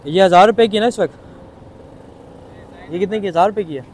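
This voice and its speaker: A man's voice: high-pitched, a little fast, a little mellow, slight background noise. Chatty man vlogging a bazaar. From Pakistan. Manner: chatty, enthusiastic, repeats prices, asks shopkeepers questions. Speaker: vlogger touring a market. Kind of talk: casual walking market tour vlog. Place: outdoor city bazaar.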